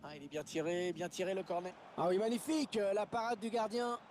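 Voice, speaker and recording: A man's voice: high voice, fairly even intonation, brisk, a little mellow, lightly acted. A man playing a keen football match commentator in a sports video game. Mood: excited. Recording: game audio with faint background noise.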